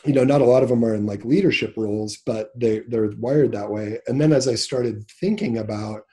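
A man's voice: mid-range voice, a little fast, slightly rough. A man from Nebraska, a business owner, talking in a casual interview and telling a personal story, acting out the dialogue as he goes. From Nebraska, USA. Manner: animated storyteller, acts out quoted dialogue.

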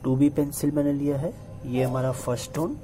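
Brief: man from India as drawing teacher, calm and repetitive, mellow tone, faint background hiss. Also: on the high side, brisk. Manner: calm, repeats instructions, addresses students. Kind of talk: step-by-step art tutorial.

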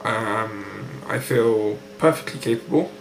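A young British man keeps a video diary of his recovery, his low-ish voice blocked and nasal after surgery. He speaks in an articulate, precise, unhurried way from a room at home beside a window. The built-in webcam mic frames him closely, and the room is echoey with a faint hum.

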